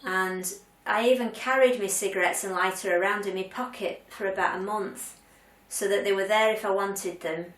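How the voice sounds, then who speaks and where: A candid, chatty woman in her later years talks to her viewers in a relaxed vlog style, pausing on ums and restarting her sentences. Her voice sits at a middle pitch. It is heard from a little way off the mic in a roomy, echoing space. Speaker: vlogger. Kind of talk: casual chat to camera. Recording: roomy sound, mic at a distance.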